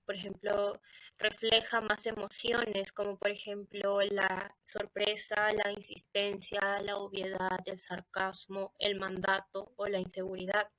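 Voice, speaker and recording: A woman with a Latin American Spanish accent talks through a class presentation at a middle pitch. She hesitates often, trips over words and starts them again. Her voice is recorded close and dry on a computer mic. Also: pushed and bright, no room sound, low-quality recording. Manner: hesitant, with fillers and self-corrections. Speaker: student presenter. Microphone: computer microphone.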